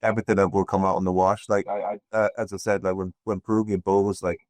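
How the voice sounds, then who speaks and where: A man speaks as a podcast guest in a very low voice. He rambles and restarts often in casual conversation, and the sound is dry and close. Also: flat delivery, fast talker, a little mellow, no room sound. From Ireland. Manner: meandering, hesitant, many restarts.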